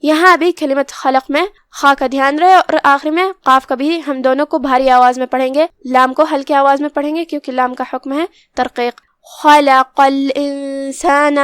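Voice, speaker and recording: A woman teaching Quran recitation rules, explaining calmly and reciting verses slowly and carefully. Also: high voice, dry recording. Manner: slow, careful recitation between plain explanations. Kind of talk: tajweed lesson.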